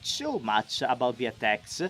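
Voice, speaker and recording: An enthusiastic man, a video creator and amateur voice actor, narrates a chatty recap in online-creator style. His delivery is expressive and unhurried, his pitch moving a great deal, with soft music underneath.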